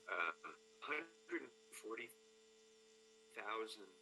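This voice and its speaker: A man chairing a public committee meeting over a remote call whose audio keeps breaking up, so his words come out halting and drawn out. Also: lowish voice, big pitch swings, noisy background. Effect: choppy, breaking-up remote call audio.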